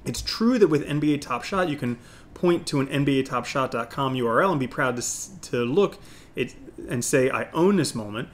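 A man's voice: medium pitch, lively intonation, fairly quick. A middle-aged man hosting an opinionated crypto video, talking like an informal, salesy crypto bro to the camera. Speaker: crypto YouTube host.

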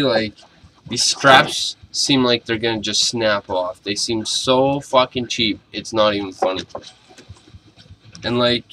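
A man's voice: mid-range voice, pushed and bright, slight background noise, poor audio. A young adult man giving a casual video review in a blunt, informal way. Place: small cluttered bedroom, indoors.

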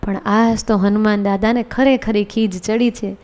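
A woman's voice: mid-range voice, steady tone, normal speed, darkish tone. A woman narrating a devotional story, telling it dramatically and voicing each character herself. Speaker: religious storyteller. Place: women's religious centre.

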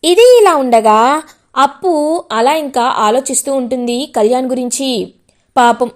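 A woman storyteller retelling the plot of a television serial in an animated way. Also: high-pitched, moderate pace.

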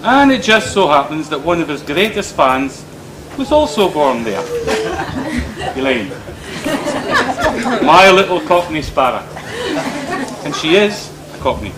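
A man's voice: fairly high pitch, big pitch swings, a little slow, long pauses. A middle-aged man giving a teasing, dryly humorous father-of-the-bride speech at a wedding reception. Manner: teasing, dry humour, anecdotal. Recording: loud crowd noise at a reception.

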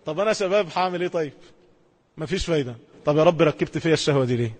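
Impassioned high-voiced Egyptian preacher. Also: male voice, animated, in a large hall. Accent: Egyptian Arabic. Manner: impassioned, rapid storytelling with sudden emphatic rises. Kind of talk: Islamic sermon.

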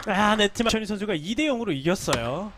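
A man calling a live table tennis match, announcing each point and bursting into excited shouts. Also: high-pitched, fairly quick, background noise. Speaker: play-by-play caster.

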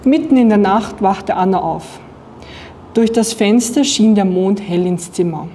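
A young woman from Austria reads a children's picture book aloud in a calm, even storytelling voice. Her tone is mellow and soft. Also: medium pitch, a little slow, a little hiss or hum. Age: young adult. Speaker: student reading aloud.

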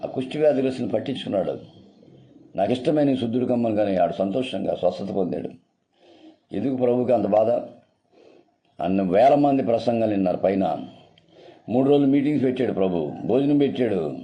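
A man's voice: lowish voice, expressive, brisk, pauses often, mellow. A male pastor preaching a sermon earnestly, repeating phrases and calling his listeners beloved.

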